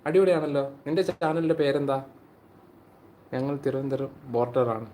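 Streaming live from his phone, this Kerala man greets viewers by name, reads out their comments, and keeps things casual and chatty. His voice is mid-range and warm at a moderate pace, with slight hiss or hum in the background.

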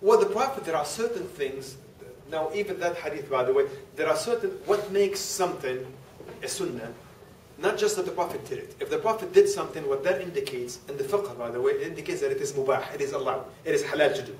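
A man in his forties gives a conversational lecture in a classroom with display boards, standing and gesturing and laughing easily. His voice is fairly high, fast and darkish, with slight background noise, recorded by a far camera in an echoey room.

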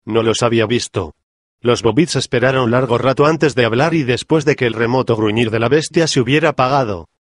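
A man reading a comic parody audiobook in an even, measured scripted narration. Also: medium pitch, no room sound, studio quality.

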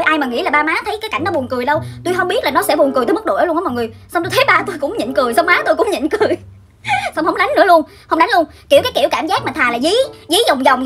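A young woman, telling a story to her viewers in a lively way and laughing often. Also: very high voice. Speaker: vlogger.

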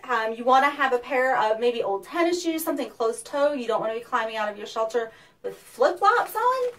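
A woman's voice: fairly high pitch, big pitch swings, fairly quick, a bit bright. A woman giving a chatty, practical how-to talk from a small underground tornado shelter, her voice carrying a hollow cave-like echo. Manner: practical, instructive, chatty with fillers. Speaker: safety presenter for a weather company. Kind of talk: casual how-to demonstration. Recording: distant mic, cave echo, faint noise.

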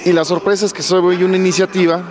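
A male reporter, his voice slightly high for a man, presses a legislator with pointed, skeptical questions. Loud crowd chatter fills the space around him. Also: level tone, quick pace.

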